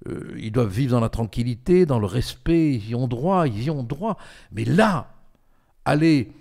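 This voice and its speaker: A man's voice: mid-range voice, animated, moderate pace, gravelly, darkish tone. An older man hosting a political talk show, speaking emphatically with many fillers and restarts. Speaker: host, political commentator.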